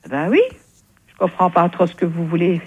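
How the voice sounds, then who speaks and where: A woman's voice: on the low side, steady tone, brisk, slightly rough. A woman working a town hall switchboard, answering a call with blunt, matter-of-fact replies, heard over a phone line. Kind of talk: phone call, prank call target.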